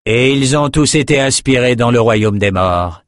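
A man's voice: medium pitch, expressive, moderate pace, no echo, clean studio sound, close to an everyday voice. A man voicing an arrogant, sly male messenger who speaks in a smug, haughty way.

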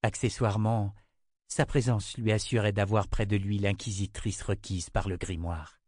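A man giving a scripted audiobook narration of a novel, in an even, literary reading style. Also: fairly low pitch, moderate pace, no room sound, clean studio sound.

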